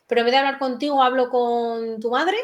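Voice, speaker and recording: A woman's voice: on the high side, steady tone, fairly quick. A woman, a guest in a casual interview, telling a story and quoting what she and others said. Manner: chatty, quotes herself and others in stories. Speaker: guest, pentester.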